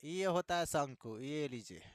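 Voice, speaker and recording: A man's voice: a little high, expressive, measured pace, dry recording, studio quality. A man teaching a math lesson, repeating key words back as questions and adding playful asides.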